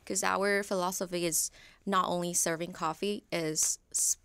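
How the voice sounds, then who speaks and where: Woman guest in radio studio, lowish gravelly voice, lots of yeahs, casual. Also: steady tone, normal speed, a bit bright, dry recording. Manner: informal phrasing, many "yeah"s. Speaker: café owner, guest. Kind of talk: casual interview chat. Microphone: studio mic on boom arm, headphones.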